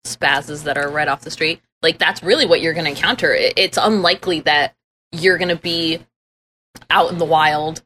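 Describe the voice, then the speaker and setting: A chatty woman co-hosts a casual podcast, teasing her partner and laughing a lot. Her voice sits low but sounds bright and sharp. A faint noise runs behind her. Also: steady tone, moderate pace. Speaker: podcast co-host.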